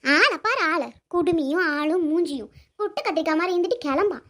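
A woman voicing a sharp-tongued, stubborn old grandmother in a cartoon, with a Kanyakumari Tamil accent and a scolding, mocking way of talking. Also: very high voice, animated, fairly quick, pitched below the performer's own voice. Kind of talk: cartoon voice acting.

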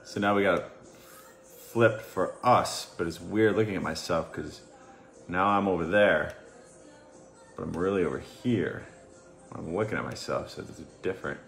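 A man co-hosting a casual home livestream, joking and mumbling softly. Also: low-pitched, moderate pace, gravelly, pauses often, echoey room, soft background music. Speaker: co-host.

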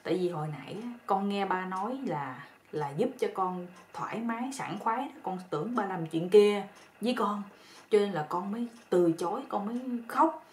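A woman's voice: medium pitch, normal speed, close to an everyday voice. Woman voicing a tearful young widow. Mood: apologetic. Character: grieving young widowed daughter-in-law, timid. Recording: roomy echo with faint noise.

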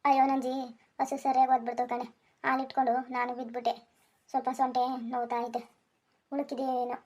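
A woman's voice: high voice, flat delivery, fast, a little mellow. A woman voicing a fussy middle-aged village farmer husband in a cartoon, grumbling and nagging. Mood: rueful. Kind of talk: Kannada cartoon voice acting.

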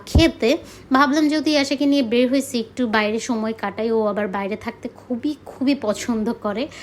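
With slight noise in the background, a young woman from Bangladesh narrates her vlog in a fairly high voice. Her style is chatty and relaxed, peppered with English words.

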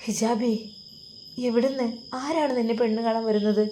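An eager young man presses with urgent, pleading questions, voiced by a woman in her own warm tone. He speaks with a lilt, in a soft, mellow voice. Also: fairly high pitch, normal speed, a little hiss or hum, close to an everyday voice.

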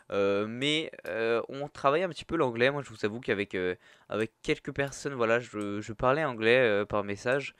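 A man's voice: medium pitch, fairly bright tone, smooth, no room sound. A young man giving casual commentary over his gameplay as a gaming video host, chatty and full of hesitations. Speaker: gaming youtuber.

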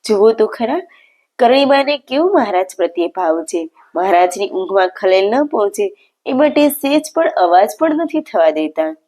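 A woman's voice: medium pitch, sing-song, moderate pace, mellow. A woman narrating a devotional story, explaining words as she goes and praising the devotee.

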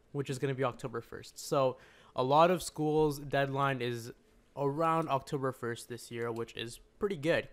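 A man's voice: mid-range voice, a bit bright. A young man co-hosting a casual podcast, joking with friends and then explaining application steps in an easygoing way. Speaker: podcast co-host.

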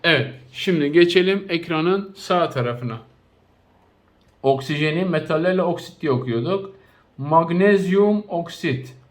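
Teacher drawing out compound names slowly. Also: male voice, on the high side. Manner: slow, spelled-out naming of compounds with frequent recaps; addresses students directly. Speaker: chemistry teacher. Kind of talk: recorded classroom lesson.

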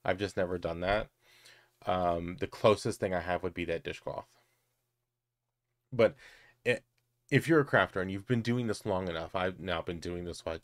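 A man's voice: low-pitched, dry recording, studio quality. A middle-aged man hosting a crafting channel, answering viewer questions in a chatty, hesitant way with lots of ums and restarts. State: has the hiccups. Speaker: crochet and knitting channel host. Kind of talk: casual Q&A chat.

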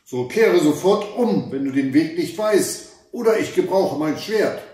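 A man voicing a fierce, threatening masked male hunter in a fairy tale, shouting in a loud, raised voice. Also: expressive, a little slow. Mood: menacing. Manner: loud, booming, menacing. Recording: echoey room, far from the mic.

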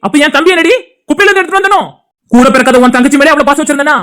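A woman's voice: high voice, rapid-fire, a bit bright. A woman with a Tirunelveli Tamil accent voicing an angry husband in a cartoon, who scolds his wife in a heated, insulting way while defending his brother. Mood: angry scolding. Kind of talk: cartoon dialogue acting.

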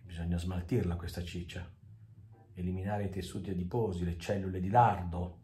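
A man's voice: low-pitched, fairly even intonation, fairly quick, warm tone, a little hiss or hum, close to an everyday voice. A man doing a scornful, bossy wife. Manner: cutting, commanding. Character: beautiful, bossy, contemptuous young wife. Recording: echoey room with faint music.

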